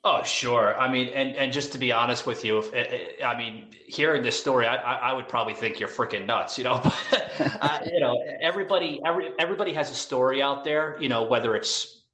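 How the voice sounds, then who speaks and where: A man of middle pitch hosting a podcast, chatting casually with his guest. He talks hesitantly, with fillers and restarts. His voice rings in a roomy, echoey space. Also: a little fast, few pauses, pushed and bright. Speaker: podcast host. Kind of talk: casual interview chat. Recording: echoey room.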